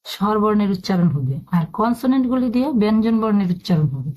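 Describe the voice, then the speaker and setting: A woman's voice: mid-range voice, animated, quick pace, darkish tone. A woman teaching a spoken lesson, patiently spelling out words letter by letter.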